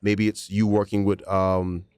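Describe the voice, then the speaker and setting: Guy telling a story on a podcast, lowish voice, acts out the bits, dry close sound. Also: a little slow, clear, resonant tone, dry recording. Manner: animated storyteller, acts out quotes and sound effects. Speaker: podcast co-host. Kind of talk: casual storytelling chat.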